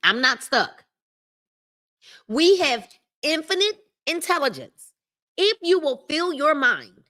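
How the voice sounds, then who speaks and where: High-pitched, pushed and bright, this woman takes things slowly while her pitch swings widely. She hosts a live-streamed book club, reading a self-help book aloud and breaking in with emphatic commentary, repeating key phrases and addressing her chat viewers via a livestream mic.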